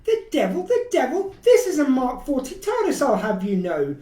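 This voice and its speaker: A woman voicing a cheeky, fast-talking male time traveller who jokes breezily. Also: high voice, wildly swooping pitch, mellow, recorded from a distance, voice pushed up. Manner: breezy, joking, fast talk. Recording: echoey room, a little off-mic.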